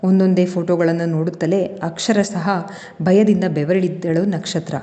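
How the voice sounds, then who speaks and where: A woman host narrates a serialized story with steady, expressive delivery. Her voice is low and mellow. A long reverb trails behind her words. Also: normal speed.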